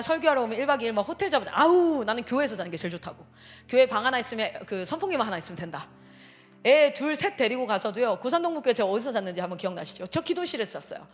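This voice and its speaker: A woman's voice: fairly high pitch, fast talker, faint music behind. A woman missionary giving a church parenting seminar talk, telling stories in an emphatic, exclamatory way. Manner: emphatic, animated storytelling with frequent exclamations. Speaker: missionary speaker.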